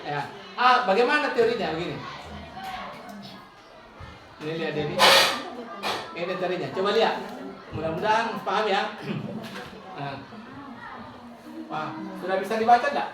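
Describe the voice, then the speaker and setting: A woman's voice: medium pitch, expressive, unhurried, long pauses, music in the background. Woman presenter in an echoey room. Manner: explanatory, acts out classroom examples. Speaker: school principal and facilitator. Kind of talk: webinar module presentation. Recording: echoey room, mic far off, crowd noise.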